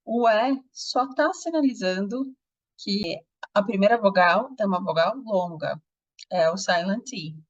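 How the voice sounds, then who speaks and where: A woman's voice: medium pitch, a little slow, highs cut off. A woman teaching in a video lesson, with Portuguese as her first language. She explains step by step and asks rhetorical questions as she goes. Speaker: English teacher.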